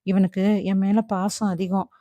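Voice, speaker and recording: A woman's voice: medium pitch, level tone, unhurried, warm tone, dry recording, dull audio, natural voice. A woman voicing a confident, doting young husband in an audiobook reading. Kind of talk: audiobook character voice.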